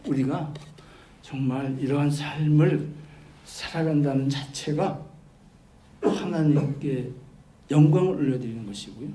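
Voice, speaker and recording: A male pastor preaching a sermon. He turns from loud, emphatic exclamations to soft, quiet asides. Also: fairly high pitch, unhurried, long pauses. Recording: roomy church hall with faint background noise.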